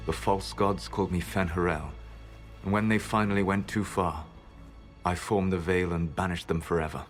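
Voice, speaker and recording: Dread Wolf, a very deep, solemn elven god. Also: male voice. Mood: grave, proud. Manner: measured, solemn, formal phrasing. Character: ancient elven trickster god, grave, regretful, proud. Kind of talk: dramatic video game dialogue.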